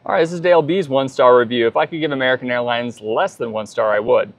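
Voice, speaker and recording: A man in his thirties co-hosts a travel vlog inside a big airport terminal, chatting in an easygoing way and reading reviews aloud. Recorded on a clip-on lapel mic with no echo, his medium-pitched voice moves quickly.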